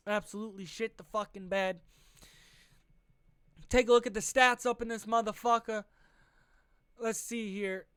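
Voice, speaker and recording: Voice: mid-range voice, fairly bright tone, clean tone, no echo. A football fan giving a casual, heavily profane and sarcastic recap over game footage, recorded close on a voice-over mic.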